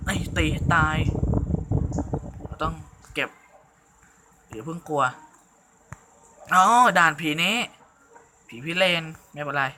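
A man giving excitable gameplay commentary with frequent exclamations, as host of a gaming channel. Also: fairly high pitch, takes it slowly, long pauses, noisy background.

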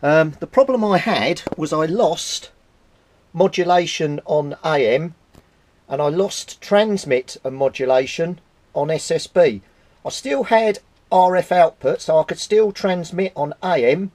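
Indoors at his home workbench, a British hobbyist gives a casual, explanatory repair update, thinking aloud as he works with his hands. His voice is a little high and a little mellow, and the recording has no echo. It plays like an informal vlog made while handling equipment.

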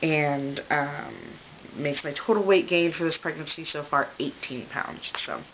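Low-pitched and unhurried, a woman in her thirties chats to camera indoors in her bedroom as a pregnancy vlogger, rambling with plenty of fillers. She sounds stuffy, scratchy and breathless, and the medium-distance tripod camera yields slightly dull home video with faint hiss.

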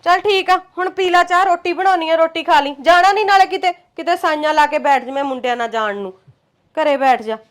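In a short film drama, an actress plays a scheming mother who first coaxes her grown son and then scolds him. Her voice is high, brisk and lightly acted, with a coaxing mood.

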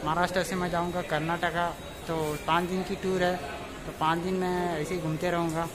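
A man's voice: high-pitched, flat delivery, brisk, crowd noise, low-quality recording. A young man talking in a casual travel vlog, explaining his route step by step, filming himself on a phone at arm's length inside a train coach. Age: young adult. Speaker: travel vlogger. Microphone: phone held at arm's length. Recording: train and station noise behind the voice.

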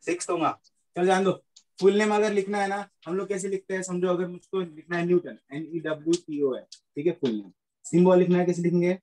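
A man's voice: high-pitched, steady tone, brisk, a little mellow, low-quality recording. A man teaching a physics lesson in Hindi mixed with English, repeating points and checking that students follow. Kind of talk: classroom lecture mixing Hindi and English.

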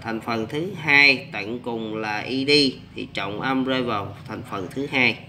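A man's voice: medium pitch, a little slow, pushed and bright, slight background noise. A man teaching English word stress. He explains each rule step by step and reads out the example words one at a time. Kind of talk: explaining rules and reading out word lists.

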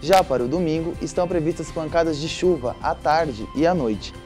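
A young man reads the weekend weather in a steady, scripted way. His voice is mellow and a touch high, with faint music in the background. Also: moderate pace. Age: young adult. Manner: steady, even reading. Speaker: weather presenter. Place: studio with weather map.

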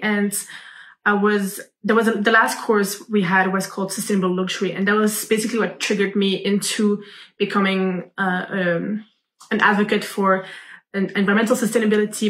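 A young woman from Belgium, a company founder answering interview questions over a video call, talking in an animated way with many fillers and restarts. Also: medium pitch. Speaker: guest, founder. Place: room at home.

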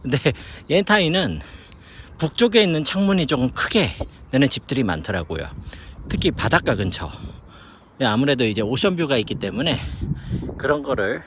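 A man's voice: mid-range voice, big pitch swings, moderate pace, fairly bright tone, a little hiss or hum. A middle-aged Korean man chatting casually as he walks up a hillside park, musing aloud about the places he sees. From South Korea. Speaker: vlogger living in China. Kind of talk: casual walking commentary.

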